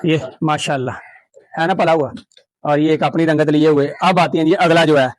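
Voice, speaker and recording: A man from Pakistan, vlogging a cattle farm tour outdoors, exclaiming in delight and coaxing the animals softly. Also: on the high side, steady tone, moderate pace, no room sound, poor audio. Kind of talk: casual walkthrough commentary.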